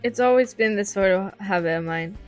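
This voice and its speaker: Woman playing timid student, anime fan dub, medium pitch, hesitant, stammering, modest, apologetic, background music. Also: a little fast, natural voice. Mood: shy, confiding. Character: shy, flustered, modest student with secret hobby.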